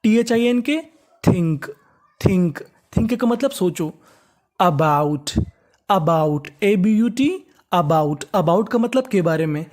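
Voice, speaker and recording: An adult teacher, giving a step-by-step lesson, spelling words letter by letter and repeating them slowly. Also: medium pitch, lively intonation, darkish tone. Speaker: English teacher.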